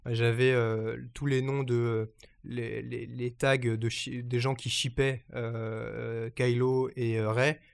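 A man hosting a casual news chat, often pausing and restarting his sentences. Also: medium pitch, flat delivery, creaky, clear, resonant tone. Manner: hesitant, many fillers and restarts.

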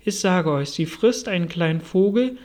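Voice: mid-range voice, expressive, a little slow, lightly acted. A reader voicing Alice, a curious, polite young girl, in an audiobook. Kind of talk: audiobook reading.

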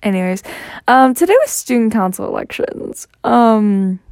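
Sick woman rambling, with vocal fry. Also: medium pitch, measured pace, darkish tone, dry recording, clean studio sound. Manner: rambling, giggly, heavy use of "like". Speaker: podcast host; student. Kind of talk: casual solo podcast chat.

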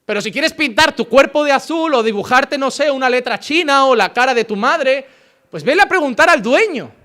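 Un hombre que predica en un sermón con una voz llamativamente aguda para un varón. Pasa de exclamaciones fuertes a frases bajas y serenas, y representa con viveza las preguntas de la congregación antes de responderlas. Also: male voice, lively intonation. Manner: preaching with sudden swings from loud exclamations to quiet, low statements; acts out questions from church members in a quick exchange. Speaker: pastor. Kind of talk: sermon.

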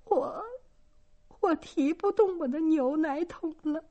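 A young farm girl whimpers and stammers through her tears in this storybook reading, voiced by a woman. Her voice sits high above the reader's own and wavers. The lines come slow and broken. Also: warm tone, muffled recording. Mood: sobbing. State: crying. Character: young farm girl, pregnant, sobbing and timid.

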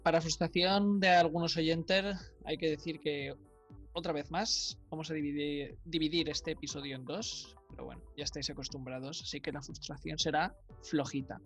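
Relaxed man, podcast co-host. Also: a little high, normal speed, soft background music. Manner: relaxed, jokey asides. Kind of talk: casual podcast chat.

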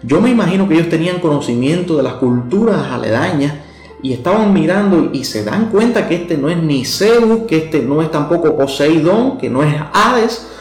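A male preacher gives a short sermon in a conversational tone, speaking directly to the listener and asking them questions. His voice sits a little high for a man. The room is echoey, with soft instrumental music playing underneath.

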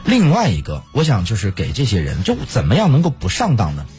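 A man's voice: lowish voice, a little fast, slightly rough, faint music behind. A man from Pingdingshan telling stories in casual chat, acting out phone calls and laughing often. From Pingdingshan, Henan. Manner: animated storyteller, acts out phone calls with laughs. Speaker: co-host.

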